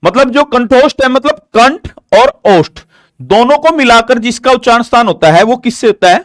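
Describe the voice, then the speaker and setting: Recorded dry and at studio quality, a man presents a live online grammar lesson. He explains each step, then quizzes himself by asking questions and answering them, speaking slowly and deliberately with lively intonation.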